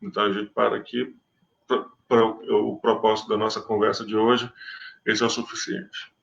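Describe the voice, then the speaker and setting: A man's voice: lowish voice, level tone, moderate pace, gravelly, a bit bright, muffled recording. A man giving a Spiritist talk, mixing scripture reading with conversational commentary full of fillers. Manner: conversational, many fillers and restarts. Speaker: Spiritist lecturer.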